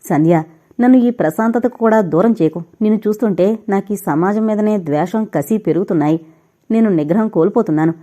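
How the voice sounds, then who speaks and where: A woman's voice: medium pitch, fairly quick, mellow, natural voice. A woman voicing an anguished, heartbroken man who drinks, in an audio novel, speaking in a pained, brusque way. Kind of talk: audiobook character reading.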